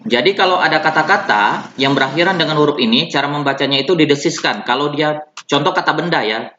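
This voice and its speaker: A man with an Indonesian accent teaching an English lesson, speaking slowly and repeating each example word for his students. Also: fairly high pitch, sharp tone, slight background noise. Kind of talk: recorded classroom lesson. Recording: dull, roomy lo-fi recording.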